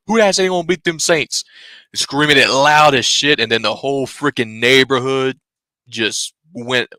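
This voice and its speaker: A young man who hosts a fan channel runs a casual live stream, his lowish voice pushed and bright, clear and resonant with no echo. Stuffy and sneezing, he sniffles between sneezes while rambling bluntly and swearing freely.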